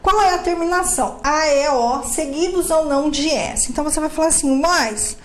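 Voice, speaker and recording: High-voiced woman teaching grammar, echoey room. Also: normal speed. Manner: explains step by step, asks and answers own questions. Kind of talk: grammar lesson.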